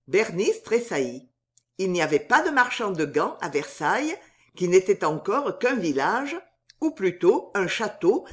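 A woman narrating a storybook in a slow, expressive reading. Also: mid-range voice.

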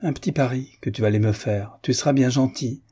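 A man reading aloud and voicing a spirited, quick-tempered young society woman who teases and flares up. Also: mid-range voice, warm tone, slightly rough, natural voice. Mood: teasing. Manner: teasing, then indignant outbursts. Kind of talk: audiobook character voice.

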